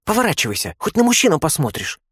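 A man's voice: on the high side, huge pitch swings, fast talker, a bit bright, breathy edge, dry recording, pitched above the performer's own voice, heavily acted. A man voicing a teasing, bossy young female nurse in a dry recording. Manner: bossy, mocking.

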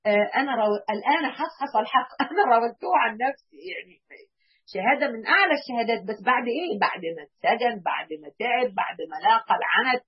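A woman with an Egyptian accent teaching an Islamic lesson to women, exhorting fervently with rhetorical questions and reading classical passages aloud slowly. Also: fairly high pitch, expressive, slightly rough, dull audio. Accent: Egyptian Arabic. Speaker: religious teacher.

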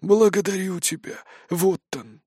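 Raspy ancient old man in an audiobook, hushed and grave, rustling voice, dry close sound, a man acting him. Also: sits high, fairly even intonation, unhurried, no echo. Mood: grave quiet. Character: ancient, hunched, grey old man, grieving father.

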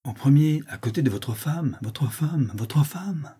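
A man's voice: fairly low pitch, moderate pace, dark tone, voice pushed up. A man voicing a lame, mocking boy who taunts cruelly in a sing-song way. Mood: jeering.

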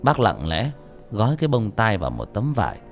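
Cast: male storyteller with a low voice, very lively intonation, faint music behind. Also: a little fast. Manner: expressive, dramatic. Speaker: audiobook narrator. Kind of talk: dramatic story narration.

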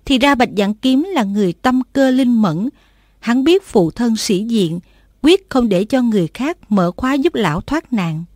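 A woman reading a martial arts novel aloud as an audiobook narrator, in a steady storytelling manner. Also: fairly high pitch, moderate pace, no echo, clean studio sound.

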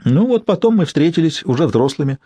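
A cool, educated woman speaks with clipped precision, as a male reader puts her on. Her voice moves in a lively way. The recording is dry. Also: on the high side, brisk, no echo, pitched above the performer's own voice. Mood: recounting.

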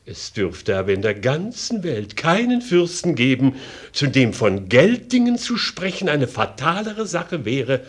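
Fretful, husky finance minister, swooping pitch. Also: male voice, wildly swooping pitch, a little slow. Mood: worried complaint. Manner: ornate courtly speech, agitated and plaintive. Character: fretful, exasperated finance minister of a bankrupt duchy. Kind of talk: German satirical radio play acting.

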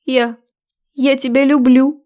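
A woman narrator puts on a hysterical young woman caught in a lie. She pleads in a high, shrill, tearful voice, clinging and desperate, while the tone stays dark and mellow. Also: fairly even intonation, moderate pace, creaky. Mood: pleading. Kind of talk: audiobook character voice.

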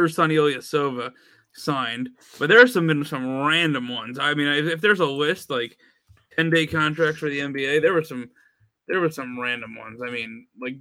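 A man with a slightly high, bright voice co-hosting a casual podcast, recorded dry and close. He makes dry teasing remarks between lists of names. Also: dry recording. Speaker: podcast co-host. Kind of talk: casual chat.

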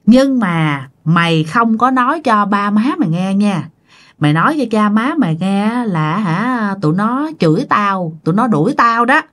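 A woman voicing a gossipy old village woman, speaking low and hushed. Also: animated, moderate pace, lightly acted.

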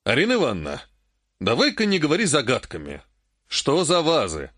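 A man reading an audiobook, voicing an emperor who speaks softly and in a measured way. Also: medium pitch, wildly swooping pitch, no room sound, clean studio sound. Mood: mild placating. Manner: soft, placating, measured. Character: calm, mild-mannered male emperor, later irritated.

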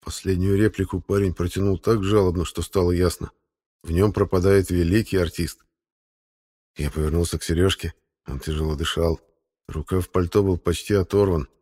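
Audiobook narrator, male, deep and steady, measured delivery. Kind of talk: scripted narration.

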